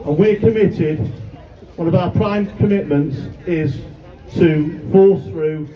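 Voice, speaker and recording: A man's voice: fairly high pitch, slow pace, dull audio. A local campaigner who is a man gives an earnest, plain-spoken speech to residents at an outdoor protest. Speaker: local campaigner speaking at a rally. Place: outdoors at a street demonstration. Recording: distant audio with crowd.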